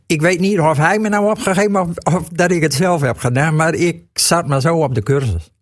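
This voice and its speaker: A man's voice: on the high side, moderate pace, no room sound, studio quality. A retired man in his sixties, an amateur football referee, chatting as a guest and stumbling over repeated words. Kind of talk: casual radio chat.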